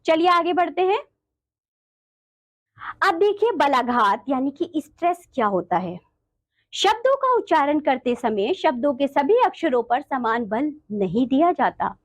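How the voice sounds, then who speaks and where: A woman teaching a lesson to children, her voice bright and high. She explains step by step with patience, calling on the class as she goes, and her pitch rises and falls a great deal. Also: sing-song, measured pace.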